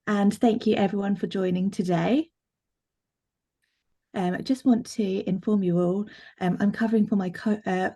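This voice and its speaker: A woman's voice: medium pitch, warm tone. A woman sign language interpreter giving a live voice-over of a signed presentation, speaking in first person with frequent fillers and restarts on a video call. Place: online video meeting.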